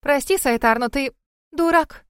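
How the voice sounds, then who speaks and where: Женщина озвучивает игривую семихвостую лисицу-духа из аудиокниги, которая дразнит и смеётся. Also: female voice, high voice, measured pace, no room sound, studio quality, voice pushed up. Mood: mocking. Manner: teasing, laughing, mocking. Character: playful seven-tailed female fox spirit. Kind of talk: audiobook reading.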